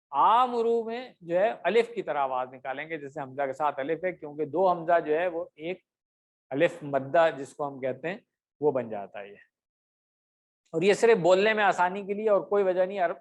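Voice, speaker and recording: A man with a slightly raised pitch teaches an online class through a computer microphone. He speaks patiently and pauses often on fillers. He draws out each drill word slowly for his students to repeat. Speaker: Arabic grammar teacher. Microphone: computer mic on a video call with camera off.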